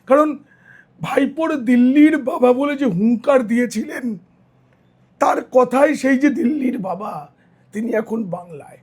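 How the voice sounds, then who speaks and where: Hoarse middle-aged guy doing news commentary, real high raspy voice, sounds worn out. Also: unhurried, darkish tone. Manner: earnest, direct address to viewers. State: hoarse, tired voice. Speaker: journalist and commentator.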